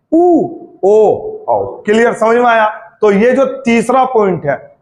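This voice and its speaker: A man teaching grammar for exams, drilling vowel sounds and checking often whether his students have understood. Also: high voice. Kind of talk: exam-prep Hindi grammar lesson.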